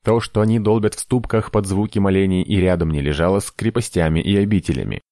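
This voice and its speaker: A man voicing a fussy, nervous male craftsman in an audiobook, hurried and shrill when agitated. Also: dark tone, no echo, studio quality. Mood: conspiratorial. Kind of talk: audiobook character voice.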